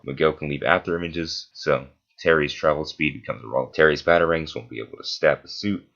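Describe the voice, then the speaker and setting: Very deep-voiced man, bright forceful edge. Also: lo-fi sound. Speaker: video essayist debunking a versus match-up. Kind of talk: scripted analytical commentary with casual asides.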